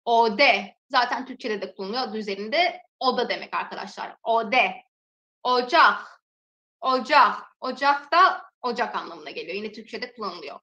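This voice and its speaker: Woman language teacher with a high voice. Slow, careful pronunciation drills in an echoey room. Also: animated, sharp tone, muffled recording. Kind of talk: alphabet lesson with repeated example words.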